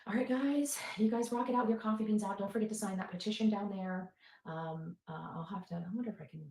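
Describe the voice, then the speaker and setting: A woman with a medium-pitched, warm voice talks fast while hosting a casual livestream for her followers, rambling and repeating herself for emphasis. She's a livestream host and advocate, and the replayed stream sounds roomy and echoey.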